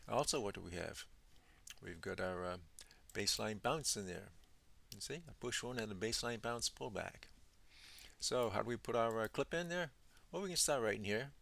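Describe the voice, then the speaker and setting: Gravelly low-voiced man explaining charts. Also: lively intonation, a bit bright. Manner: unhurried, thinking aloud with frequent fillers. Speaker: trading instructor. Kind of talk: screen-share chart walkthrough.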